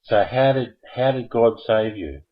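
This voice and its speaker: A man's voice: medium pitch, expressive, unhurried, dull audio. A man hosting a live call-in stream, chatting casually and jokingly coaxing viewers to phone in. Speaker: host of a live call-in show.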